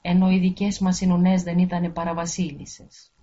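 A woman's voice: lowish voice, little pitch movement, mellow, natural voice. A woman voicing spiteful, jealous young princesses who talk in a scornful, complaining way, on a dull lo-fi recording.

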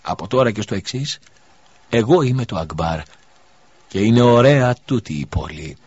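A man's voice: fairly low pitch, lively intonation, a little mellow, no room sound. A man reading an audiobook voices a dying widow mother who speaks weakly, pleading and tender. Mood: tender farewell. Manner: faint, pleading, breathy delivery. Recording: dull lo-fi recording.

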